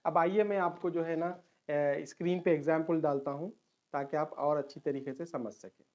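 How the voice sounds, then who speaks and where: Patient teacher, lo-fi audio. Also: male voice, fairly high pitch, fairly even intonation, a little mellow. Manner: patient, repeats terms, mixes in English. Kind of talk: online lesson.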